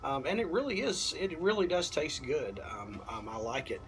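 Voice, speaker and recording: A man in his thirties gives a casual, unhurried product review to camera, often halting as he thinks aloud. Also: fairly high pitch, very animated. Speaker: pipe tobacco reviewer. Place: apartment balcony at night. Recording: clearly noisy, outdoor ambience.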